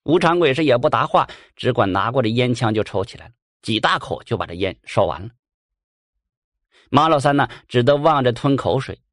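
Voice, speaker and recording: A male storyteller tells a folk ghost story in a colloquial, animated way, his pitch swinging widely up and down. He talks fairly quickly, and the sound is dry and close to the mic with no echo.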